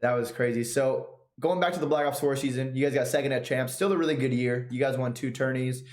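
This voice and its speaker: Male podcast host, mid-pitched, relaxed and chatty, roomy echoey sound. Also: fast. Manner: relaxed, chatty, recaps past matches. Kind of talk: casual chat.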